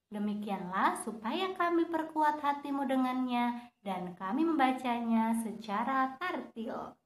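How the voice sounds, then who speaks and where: A woman's voice: sits high, animated, a little slow, echoey room. A woman teaching Quran recitation to children, patient and encouraging, singing phrases for them to copy. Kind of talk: slow online lesson for children.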